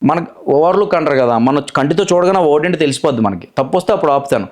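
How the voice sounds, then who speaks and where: A man with a Godavari Telugu accent, a voice-over artist telling his story as a guest in a casual interview, in a brisk, chatty, self-assured way. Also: a little high, animated, darkish tone. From Godavari region, Andhra Pradesh, India.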